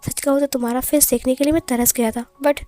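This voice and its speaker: A woman's voice: high voice, steady tone, fast talker, warm tone, no echo, lightly acted. A woman voicing a playful, lovestruck young male omega who teases cheekily. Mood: teasing. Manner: teasing, cheeky.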